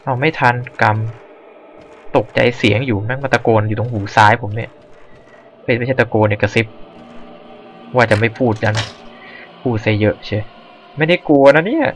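A man casually commenting while playing a horror game, swearing freely and reacting loudly to scares. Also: lowish voice, fairly even intonation, normal speed, long pauses, slight background noise. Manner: talks to himself while exploring. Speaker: gamer. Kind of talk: let's play commentary.

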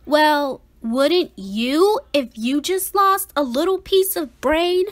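Reading a picture book aloud, a woman takes on the role of a dramatic, anxious five-year-old boy, performing him theatrically and with emphasis. She speaks slowly in a high register, conveying amazement and alarm.

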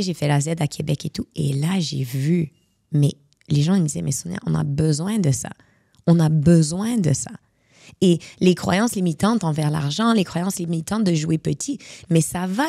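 A woman's voice: fairly low pitch, creaky, slightly rough, no room sound, studio quality. A woman from Morocco, a coach, talking casually in an interview and dropping English words into her speech. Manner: mixes English words into French, animated. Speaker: guest speaker and coach.

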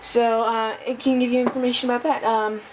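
A woman presenting a casual tech demo off the cuff, halting and thinking aloud as she goes. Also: a little high, little pitch movement, a little mellow, poor audio. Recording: noticeable background noise.

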